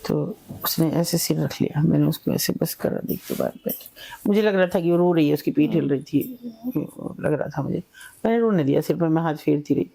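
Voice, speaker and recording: A middle-aged woman, a charity founder, telling an emotional story in an interview in a soft, halting way that sometimes drops to a whisper. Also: sits low, vocal fry. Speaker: guest, founder of a charity for women in red-light areas.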